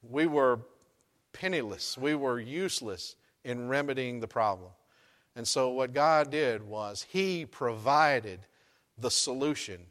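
Man, preacher, conversational sermon, keeps asking "right?", slows down for emphasis, lingering hall echo. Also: mid-range voice, animated, a bit bright. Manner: chatty, keeps asking "right?" to check in with listeners; slows down to stress key points. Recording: long hall reverb.

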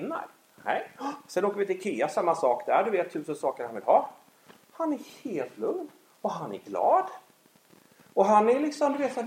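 Guy telling a faith story, super animated, bit high, echoey room. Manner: animated storytelling, acts out scenes. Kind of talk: faith talk with personal story.

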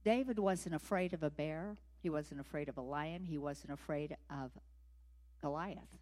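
A woman preacher delivering a sermon, telling a biblical story in an animated way and acting out its scenes. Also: low voice, moderate pace, big-room sound.

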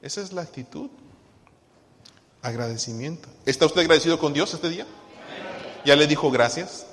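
A man's voice: on the high side, expressive, normal speed, fairly bright tone, in a large hall. A man preaching a sermon to a congregation, asking them questions and now and then singing lines of a hymn. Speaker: pastor.

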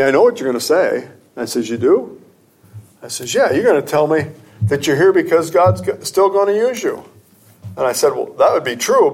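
A man's voice: mid-range voice, vocal fry, breathy edge. A middle-aged man preaching a sermon, telling personal stories in an earnest way and lifting his voice on key points. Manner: earnest, storytelling, rising with emphasis. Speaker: pastor.

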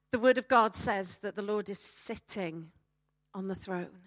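A woman with a Welsh accent preaches a sermon to her congregation, emphatic in tone and full of rhetorical questions and dramatic pauses. Her voice sits in the mid range, and there's no echo.

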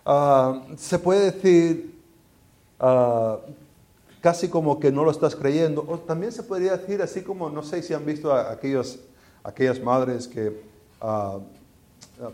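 Un predicador que da un sermón en tono conversacional, con preguntas retóricas y frases que a menudo vuelve a empezar. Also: male voice, on the high side, a little mellow. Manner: conversational, rhetorical questions, frequent restarts. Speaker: preacher. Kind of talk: sermon.

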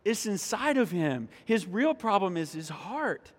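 A pastor preaching a sermon in a church, emphatic, repeating key lines and speaking directly to the congregation. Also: male voice, high-pitched, very animated, unhurried. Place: church sanctuary. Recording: long hall reverb.

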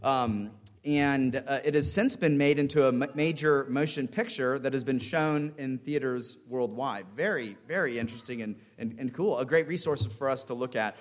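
Halting pastor, a man with mid-pitched voice. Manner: halting, repeats words. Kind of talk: introducing a guest speaker in church.

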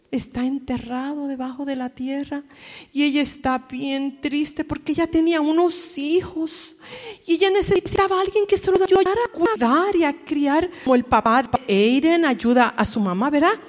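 A woman telling a Bible story to small children, animated and addressing them by name. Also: high-pitched, moderate pace, big-room sound.

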